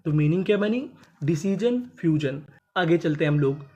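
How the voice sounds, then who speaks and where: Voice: animated, normal speed, dark tone, breathy edge. A teacher spelling out English words letter by letter, sounding them out and then giving each word's meaning. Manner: drops pitch on the last word of each list. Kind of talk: spelling and phonics lesson.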